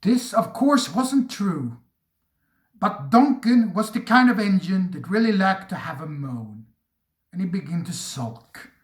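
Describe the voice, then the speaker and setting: An unhurried narrator reads a railway storybook aloud. The pitch moves with lively expression. The voice echoes in a roomy space. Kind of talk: storybook reading.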